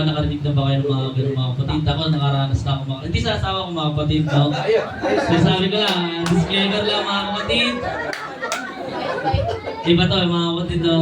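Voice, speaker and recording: A young Filipino man preaching a sermon to his congregation, often calling them brothers and sisters and slowing down for key English phrases. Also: on the high side. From Philippines. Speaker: church preacher. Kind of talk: sermon mixing Tagalog and English. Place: church hall. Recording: echoey room from a distant mic.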